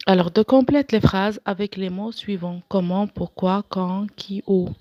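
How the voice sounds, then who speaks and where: A woman's voice: medium pitch, fairly even intonation, measured pace, dark tone. A woman teaching a grammar lesson, reading each exercise aloud and explaining it patiently, one step at a time. The recording sounds slightly muffled and lo-fi, with a dry, close sound and no room echo.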